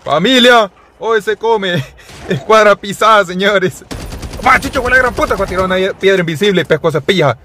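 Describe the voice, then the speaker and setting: A young man giving live gameplay commentary, excitable and full of profane slangy banter aimed at his viewers. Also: high voice, normal speed, a little hiss or hum. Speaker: gaming streamer.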